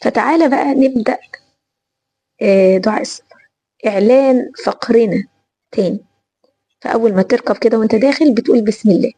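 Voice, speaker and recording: Fast-talking Egyptian woman teaching religion. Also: on the high side, breathy edge, no echo. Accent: Egyptian Arabic. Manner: lively, conversational, repeats phrases for emphasis. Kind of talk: religious lesson.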